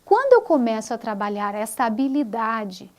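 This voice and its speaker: A woman teacher giving a recorded online course lecture, explaining step by step and slowing down to stress example words. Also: on the high side, big pitch swings.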